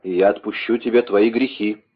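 A man's voice: fairly low pitch, steady tone, normal speed, slightly rough. A man voicing a vengeful young man disguised as a monk, stern and demanding. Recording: dull lo-fi recording.

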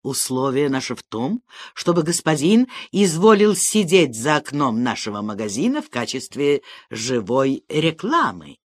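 A woman's voice: rumbling low, very animated, unhurried, no echo, clean studio sound, pitched below the performer's own voice, heavily acted. Woman playing a suave polite young clerk. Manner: courteous, suave. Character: polite smooth young male shop clerk.

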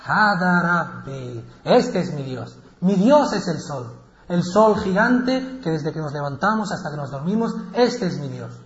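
A man's voice: on the high side, lively intonation, a little slow. A man playing an earnest, declaiming prophet. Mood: awed. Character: earnest male prophet proclaiming to a crowd. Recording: echoey, dull lecture recording.

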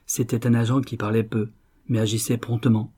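A man narrating an audiobook in a steady, measured storytelling manner. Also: mid-range voice, slightly rough.

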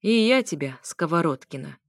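A woman's voice: low-pitched, expressive, moderate pace, dry recording, studio quality. A woman voicing a smug, sarcastic ex-husband who talks sternly. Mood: mocking. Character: smug, mocking male ex-husband.

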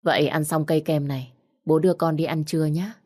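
A woman reading a gentle young father. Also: sits low, fairly even intonation, fairly quick, dry recording, clean studio sound.

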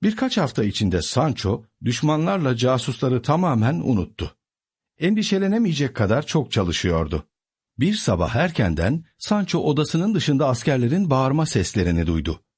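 A man narrating a storybook with clear, expressive storytelling. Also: medium pitch, moderate pace.

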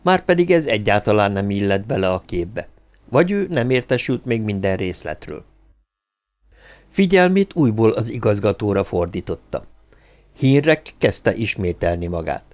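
A man reading a novel aloud as audiobook narrator, in an even, measured way. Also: lowish voice.

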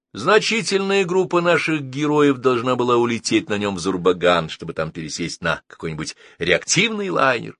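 A man narrating an audiobook in an animated, dramatic reading style. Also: mid-range voice, no room sound, clean studio sound.

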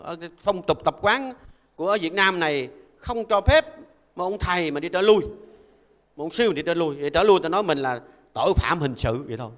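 A man's voice: fairly high pitch, a bit bright. Older man, Buddhist monk, folksy sermon, keeps asking listeners to agree, long hall reverb. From Vietnam. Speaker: Buddhist monk giving a dharma talk. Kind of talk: conversational sermon.

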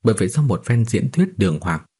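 Low, husky male audiobook narrator. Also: very animated, fast talker, dark tone.

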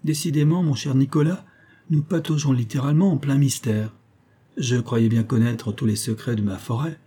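Man putting on a young adventurer, husky, warm, raised and higher voice, quick-tempered. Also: lightly acted. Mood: puzzled, wry. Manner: raises voice to shout challenges. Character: young Frenchman, bold explorer, quick-tempered.

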